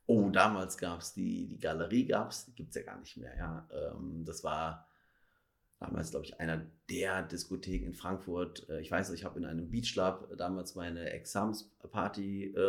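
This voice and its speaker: Low, gravelly man chatting easily. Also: fairly even intonation. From Ruhr area, Germany. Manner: chatty, many fillers, drawn-out phrases. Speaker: dentist, podcast guest. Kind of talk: relaxed podcast conversation.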